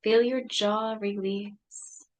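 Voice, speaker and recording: Lady doing a guided meditation, super slow and soft, calm soothing voice. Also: mid-range voice.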